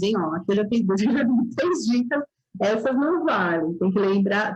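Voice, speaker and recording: A woman's voice: mid-range voice, darkish tone, husky, lo-fi sound. Brief: woman instructor, Brazilian Portuguese accent, friendly explanatory lecture over a video call, mid-range voice. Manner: friendly, explanatory, with filler pauses. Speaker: course instructor. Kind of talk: live online lecture.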